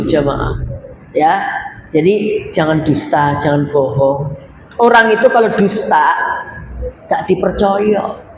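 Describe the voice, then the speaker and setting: High-voiced joking Javanese preacher. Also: male voice. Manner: joking, animated, acts out little dialogues. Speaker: preacher at a women's religious study group. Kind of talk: lively sermon to a live audience. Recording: echoey hall with background noise.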